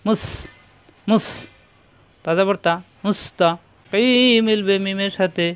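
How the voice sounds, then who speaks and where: A man teaching Quran pronunciation, sounding out each syllable slowly and methodically and now and then chanting a verse. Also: high-pitched, fairly even intonation, smooth. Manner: breaks into slow chanted recitation. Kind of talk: tajweed pronunciation lesson.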